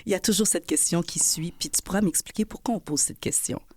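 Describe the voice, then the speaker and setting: A woman's voice: lowish voice, quick pace, dry recording, studio quality. A woman hosting a podcast interview, chatty and friendly, with restarts as she talks. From not born in Quebec. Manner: warm, chatty, with laughs and restarts. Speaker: podcast host. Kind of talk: conversational interview.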